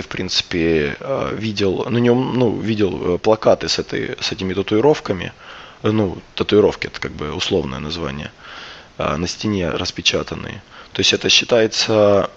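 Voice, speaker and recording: A man hosting a podcast in casual talk, his voice gravelly and hoarse from a cold, feeling for his words. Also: deep voice, normal speed, a bit bright. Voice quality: gravelly, hoarse voice with throat clearing. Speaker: podcast host. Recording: dull, lo-fi sound.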